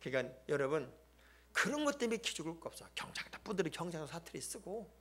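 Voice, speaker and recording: A man preaching a sermon as a church pastor, joking and emphatic, swinging between loud exclamations and hushed asides. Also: fairly high pitch, sing-song, fast, husky. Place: church sanctuary.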